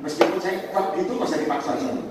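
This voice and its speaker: A male evangelist preaching a sermon, animated, swinging from loud calls to quiet asides and joking with the congregation. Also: racing, slight background noise. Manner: animated, shifts from loud exhortation to low asides, jokes with the congregation. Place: large hall with audience. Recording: echoey hall from far off.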